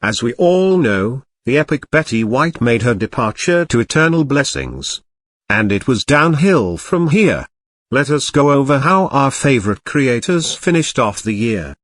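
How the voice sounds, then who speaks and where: A man's voice: mid-range voice, big pitch swings, a little slow, no room sound. A man voicing a male robot cat narrator who speaks in formal, old-fashioned wording with dry sarcasm, in scripted commentary. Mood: snarky. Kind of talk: scripted drama-news commentary.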